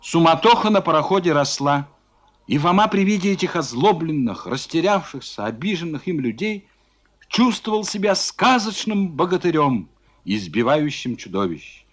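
A man reading a novel aloud in a dramatic, expressive way. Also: on the high side, moderate pace. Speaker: audiobook reader. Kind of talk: scripted narration of a novel.

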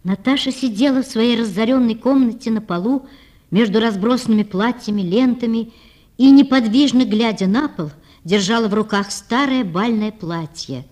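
A woman reading a classic novel aloud as narrator, in a measured, expressive storytelling manner. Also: fairly high pitch.

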